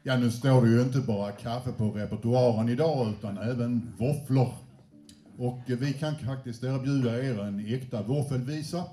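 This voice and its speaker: A man speaks from a stage to a live audience, introducing each song with easygoing anecdotes and the odd hesitation. His voice is warm and mellow, at a middling pitch. The room carries a noticeable echo around him. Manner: chatty, anecdotal, slight hesitations. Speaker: band frontman introducing songs. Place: indoor venue with a live audience. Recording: roomy echo.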